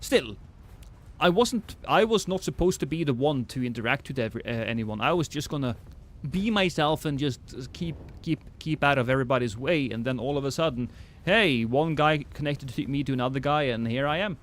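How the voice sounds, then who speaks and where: A Norwegian streamer, accent slightly British-tinged, talks briskly and expressively at medium pitch while playing a game and reading chat. His chatter is casual and self-deprecating, full of restarted sentences.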